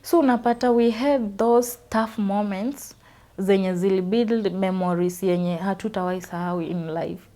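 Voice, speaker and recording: A Kenyan woman in her twenties from Western Kenya earnestly recounts her life story in a personal testimony interview, switching freely between English and Swahili. Her voice is mid-range and mellow, at a normal speed.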